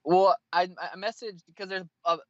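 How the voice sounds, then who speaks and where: A man's voice: sits high, steady tone, moderate pace, fairly bright tone, no echo. Blunt, profane young man with muffled audio. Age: 20s. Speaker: fighter, interview guest. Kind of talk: casual interview answers.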